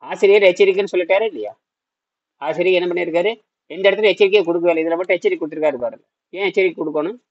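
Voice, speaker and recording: High-voiced blunt man teaching a group. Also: rapid-fire, highs cut off. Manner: blunt, repetitive, quizzes listeners. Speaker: naturopathy teacher. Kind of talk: informal group lesson.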